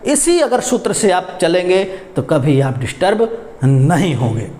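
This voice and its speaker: High-voiced man teaching pronunciation. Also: wildly swooping pitch, a little slow, a little mellow, echoey room. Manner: patient, repeats syllables and asks questions to the class; addresses viewers as "my dear children". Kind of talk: Hindi pronunciation lesson.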